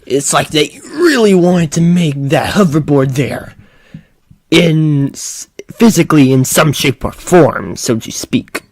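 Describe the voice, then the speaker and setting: A man drops in slow, offhand comments beside a game walkthrough. His voice is gravelly and a little high. The sound is dry and close. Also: animated, a little mellow, no echo. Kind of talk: casual chat.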